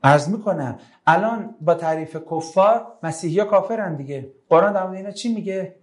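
A man with a slightly high voice delivers a religious lecture to an audience. He speaks with animation, keeps asking rhetorical questions and takes questions from the room. His delivery stays lively and conversational.

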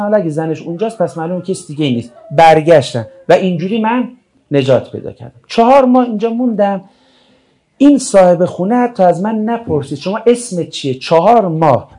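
A man's voice: sits high, sing-song, mellow. A man giving a colloquial religious talk, retelling a story in a conversational way and acting out the dialogue. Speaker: religious speaker.

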